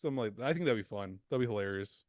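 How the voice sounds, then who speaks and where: A man's voice: on the low side, expressive, very fast, no echo, studio quality. A man co-hosting a podcast, joking through casual crude banter and laughing often. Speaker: podcast co-host.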